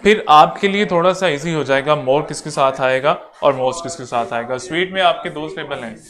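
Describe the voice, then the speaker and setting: Pakistani male teacher, slightly high voice. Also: fairly bright tone. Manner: explains slowly, repeats points, checks understanding with students. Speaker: English teacher. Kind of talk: online exam-prep lecture.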